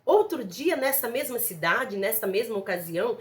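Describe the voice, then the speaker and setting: A woman's voice: on the high side, lively intonation, moderate pace. A middle-aged woman giving an earnest religious testimony, speaking directly to listeners as brothers and sisters. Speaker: church member giving testimony.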